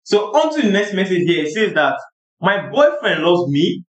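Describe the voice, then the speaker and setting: A man's voice: high-pitched, sing-song, moderate pace. Man hosting, echoey room. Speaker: host reading anonymous messages. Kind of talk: casual group chat.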